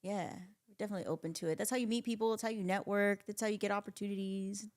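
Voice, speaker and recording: A woman in her thirties speaks as a band guest on a podcast. She is upbeat and stacks repeated phrases for emphasis. Her voice has a mid pitch. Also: fairly even intonation, very fast. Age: 30s. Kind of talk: casual interview chat.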